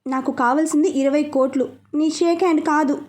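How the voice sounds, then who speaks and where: A blunt, sharp-witted young gang leader, as a woman puts him on in an audio storybook. He talks in short, dry, clipped statements. The voice sits high and sounds mellow and soft-edged. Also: fairly even intonation, brisk. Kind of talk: storybook character reading.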